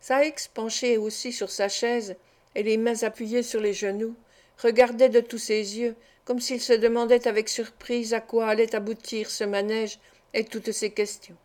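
A woman narrating a classic novel as an audiobook, in a steady, measured way. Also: on the high side. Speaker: audiobook reader.

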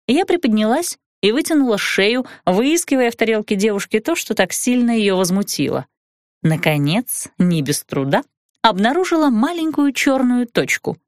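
A woman narrating an audiobook in the first person with an expressive, wry delivery. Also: on the high side, moderate pace, no echo, clean studio sound.

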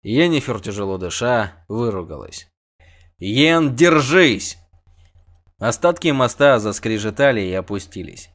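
A man's voice: lowish voice, lively intonation, moderate pace, few pauses. Man reading a tense fantasy audiobook. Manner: tense, vivid storytelling. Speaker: audiobook narrator. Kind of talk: dramatic audiobook narration.

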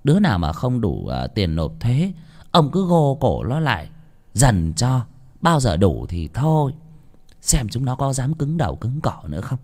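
A man voicing a cruel, bossy wife of a village chief in a raised, sharp voice. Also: wildly swooping pitch, unhurried. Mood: scheming. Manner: sharp, bossy, high-pitched.

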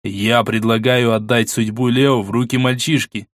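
A man's voice: mid-range voice, steady tone, normal speed, dry recording, studio quality, lightly acted. A man voicing a worried archduke who pleads with his wife in an earnest, insistent way. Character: worried, persuasive older archduke, husband.

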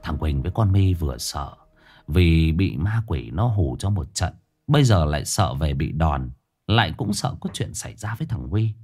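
A man narrating a ghost story in a lively, animated storytelling manner. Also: rumbling low, normal speed, husky.

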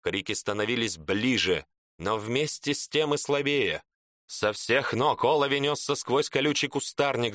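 A man narrates a dark story in a dramatic, measured way. His voice is bright and forceful, and the recording is close and dry. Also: mid-range voice, no room sound.

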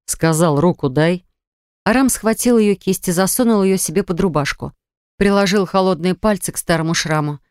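A woman reading a novel aloud as an audiobook narrator, in a steady storytelling manner. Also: medium pitch, fairly quick, clean tone, dry recording, clean studio sound. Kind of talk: scripted narration.

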